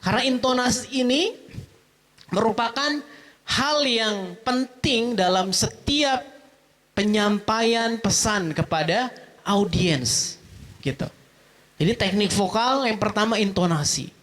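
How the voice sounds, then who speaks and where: A man with a bright, high-sitting voice leads an animated workshop lecture. He fires off questions to the room and answers them himself, and he keeps things moving with a casual "gitu ya" at the end of his points. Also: slow pace, long pauses. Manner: animated, with frequent "gitu ya" tags. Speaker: public speaking trainer. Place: mosque event hall.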